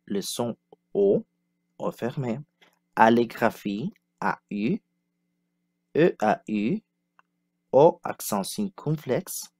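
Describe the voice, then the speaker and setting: Slow, deliberate male pronunciation teacher. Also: mid-range voice, darkish tone, no room sound, studio quality. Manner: models each sound and word slowly for learners to repeat. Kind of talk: slow, carefully enunciated pronunciation lesson.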